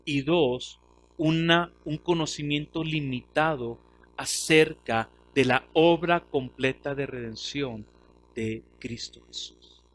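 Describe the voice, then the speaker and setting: A man's voice: a little high, slow, a bit bright, slight background noise. A man with a Mexican Spanish accent preaching a sermon, earnest, often restarting and repeating words, rising to emphatic declarations. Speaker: pastor.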